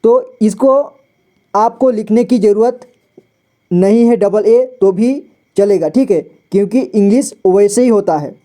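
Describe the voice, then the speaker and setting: A man teaching a lesson, patient and repetitive, often slowing down to spell out sounds. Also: high-pitched, warm tone. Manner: patient, repeats "ठीक है" often. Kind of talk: explaining a lesson.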